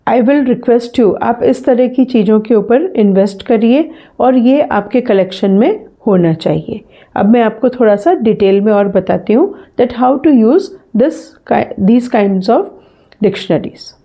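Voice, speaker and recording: A woman teaching an English phonetics revision lesson in Hindi. She speaks patiently, with an Indian English accent, says words again slowly, and often checks in with "है ना". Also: on the high side, dark tone.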